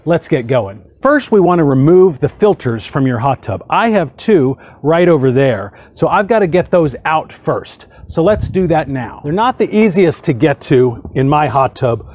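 Beside a hot tub in an outdoor backyard, a forties-aged host runs a casual how-to demonstration, staying upbeat and chatty while doing the tasks. He speaks at normal speed in a slightly high voice with a darkish tone and big pitch swings.

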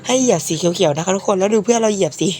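A woman with a hoarse, sick-sounding voice giving casual game commentary, politely addressing her viewers. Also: medium pitch, expressive, rapid-fire, a little mellow, a little hiss or hum. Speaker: gaming video host.

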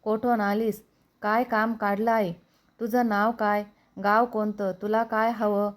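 A woman voicing a palace maid who explains things in an even tone. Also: mid-range voice, unhurried, close to an everyday voice. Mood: wary. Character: wary young palace maid.

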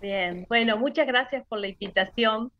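A woman poet with a Uruguayan Spanish accent reads poetry and gives introductory remarks at an online book launch. Her voice is on the high side at normal speed, heard through a video call with dull, lo-fi audio.

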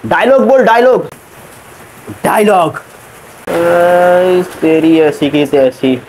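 Brief: man as an exasperated film director, high-pitched, scolding, barking slow cues. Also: a little mellow, slight background noise, low-quality recording. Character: impatient shouting male film director, adult. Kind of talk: comic short film acting.

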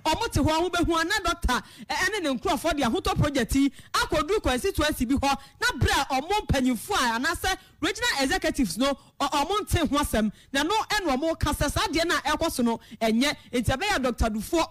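A woman news reporter with a high voice. She delivers the report in a measured, steady way and keeps an even reporting tone.

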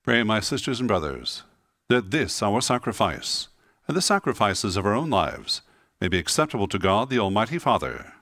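Solemn priest intoning Mass prayers. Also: male voice, fairly low pitch, sing-song, fairly bright tone, no echo, clean studio sound. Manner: solemn, measured, sing-song intoning.

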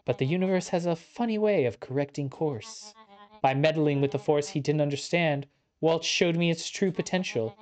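Actor playing scheming villain, smug, condescending, theatrical monologue, mid-pitched, video game, music underneath. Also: moderate pace, a little mellow, lightly acted. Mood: gloating. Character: smug scheming villain, animal founder in youthful body.

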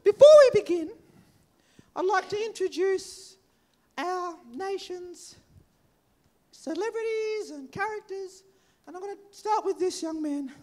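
A woman's voice: very high voice, a little slow, pauses often, a little mellow. An Australian woman presenting comic stage introductions in a showy way, playing to the crowd.

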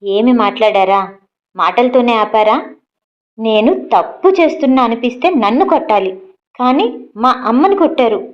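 A fierce grown daughter, as a woman reads her out in a spoken storybook, hurling defiant accusations at her father in a raised voice. The voice sits a touch high, and the lo-fi recording sounds dull. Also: normal speed, pauses often, lightly acted. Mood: furious.

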